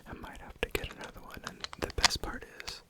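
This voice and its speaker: A person speaks entirely in a soft, unvoiced whisper, never letting the voice sound. The delivery is slow and hushed, in the manner of an ASMR channel host showing off tapping sounds.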